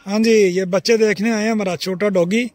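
A man's voice: high voice, steady tone, a little fast, a little mellow, no room sound. A middle-aged man with a Punjabi accent, chatting casually as he films a walk around his outdoor dairy farm on a phone held at arm's length, calling out to animals and children and adding a polite "ji" to his lines. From Pakistan. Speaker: farm vlogger.

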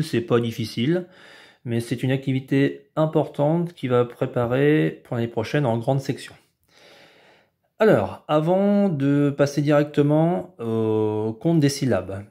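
A male preschool teacher recording a lesson for parents at home, with a mid-range voice. He explains patiently and step by step, now and then drawing words out slowly to show how it's done. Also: medium pitch, mellow. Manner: patient, explanatory, drawn-out syllables when demonstrating. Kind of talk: instructional video for parents.

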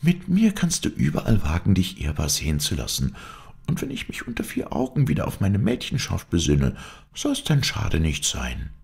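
A man's voice: low voice, wildly swooping pitch, normal speed, creaky, a little mellow, heavily acted. A man voicing a spirited young woman circus rider in an audiobook, talking in an urgent, playful rush. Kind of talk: audiobook character voice.

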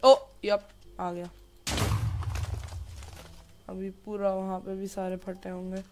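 A man's voice: high voice, monotone, takes it slowly, a little mellow, slight background noise. A man giving casual gameplay commentary, chatty and apologetic, mixing English words into his talk. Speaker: gameplay youtuber.

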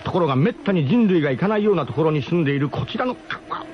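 A man tells a comic first-person story as narrator of a radio drama, emphatic and mock-grandiose, speaking very fast in a slightly high voice with lively intonation. The broadcast sounds muffled, with clear background noise.

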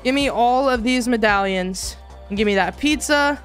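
A woman giving excited gameplay commentary in a hyped, slangy gamer-bro manner. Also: on the high side, moderate pace, faint music behind. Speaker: gamer, video host.

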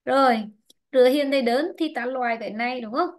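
Higher-voiced woman teaching an online class. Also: quick pace. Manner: patient, quizzing and prompting students by name. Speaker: English teacher. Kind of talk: online class, questioning students and explaining grammar rules.

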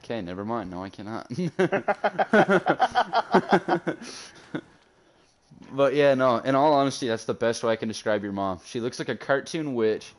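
A man's voice: medium pitch, sing-song, measured pace, pauses often. A man streaming a game, chatting casually with a friend, joking crude and laughing often. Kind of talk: casual gaming chat.

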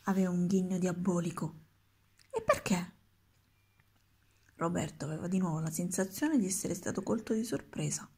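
A woman teacher reading a storybook aloud to pupils, with steady, expressive narration. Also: fairly low pitch, brisk.

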